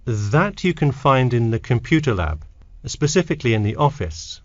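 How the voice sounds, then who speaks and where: A man playing a helpful, matter-of-fact university tutor in a scripted textbook dialogue, with deliberate intonation. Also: mid-range voice, big pitch swings, muffled recording, close to an everyday voice. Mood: advising. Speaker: academic adviser in a listening-test dialogue.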